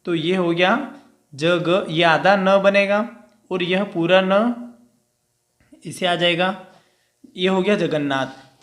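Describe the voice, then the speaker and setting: A man's voice: high-pitched, a bit bright, reverberant. A male teacher giving a grammar lesson, explaining step by step and answering his own questions.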